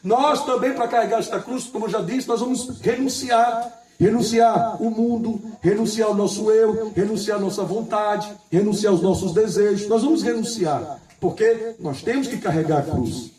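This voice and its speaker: Male preacher, high voice, repetitive and emphatic, recorded roomy and from a distance. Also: mellow. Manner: repeats phrases, asks the congregation "Amém?"; reads scripture slowly and with emphasis. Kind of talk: sermon.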